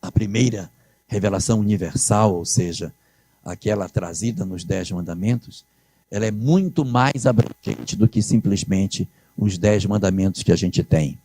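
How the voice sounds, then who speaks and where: A man's voice: on the low side, moderate pace, dark tone, no room sound. Man giving a spiritist lecture. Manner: expository, quotes scripture with dramatic emphasis.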